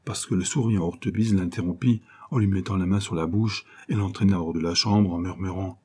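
A man reading a classic novel aloud in a measured narration style. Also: deep voice, darkish tone. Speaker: audiobook reader. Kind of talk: scripted narration.

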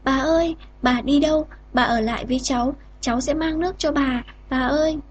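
A woman's voice: high voice, moderate pace. A woman voicing a remorseful young boy who pleads with his grandmother. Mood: frightened. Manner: pleading, urgent.

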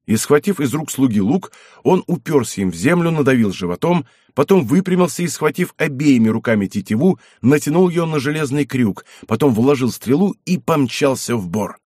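Husky male audiobook narrator. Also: mid-range voice, lively intonation, normal speed, hardly any pauses, darkish tone, no echo, clean studio sound.

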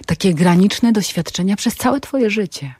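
A woman's voice: medium pitch, lively intonation, normal speed, darkish tone, breathy edge, no echo. A woman hosting a radio interview in a studio, asking probing, direct questions. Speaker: radio host. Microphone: studio microphone.

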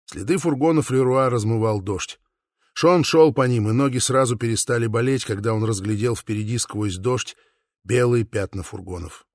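Steady male audiobook narrator, close dry sound. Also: medium pitch, moderate pace, no echo. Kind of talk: scripted narration.

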